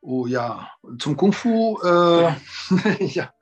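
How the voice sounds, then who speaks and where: A man's voice: a little high, very animated, drawn-out words, slightly rough. A man in his fifties, raised between Italy and Germany, telling his story as an interview guest, rambling with many fillers and restarts. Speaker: kung fu teacher, guest. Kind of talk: casual interview talk.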